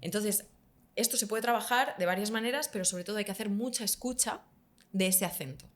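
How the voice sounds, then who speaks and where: Woman, language teacher guest, confident explainer, mid pitch. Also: a little fast. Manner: explanatory, confident, lively emphasis. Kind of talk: conversational interview.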